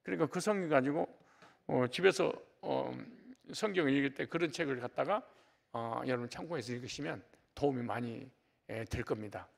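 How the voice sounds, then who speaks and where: A man's voice: medium pitch, brisk, creaky. A middle-aged male pastor giving a conversational sermon, with joking asides to his congregation.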